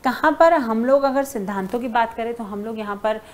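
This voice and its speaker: A woman's voice: fairly high pitch, fairly quick, slight background noise. A woman teacher giving an exam-prep lesson, talking to her students fondly as she writes on a board. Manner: addresses students as "beta", writing on a board while talking. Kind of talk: online exam-prep lecture.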